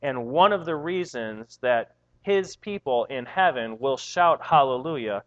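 A man's voice: mid-range voice, lively intonation, unhurried, fairly bright tone. Guy preaching, reads verses then repeats himself for emphasis, muffled lo-fi sound. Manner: reads scripture aloud, then explains it with repeated words and rising emphasis. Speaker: pastor. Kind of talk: sermon.

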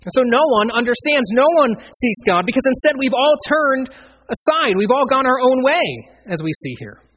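A man preaching through a Bible passage in a steady, earnest way. His voice is soft and breathy, never crisp. He reads each verse and then explains it. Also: extremely high pitch, moderate pace. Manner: earnest expository preaching, quoting scripture. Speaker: pastor. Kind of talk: sermon.

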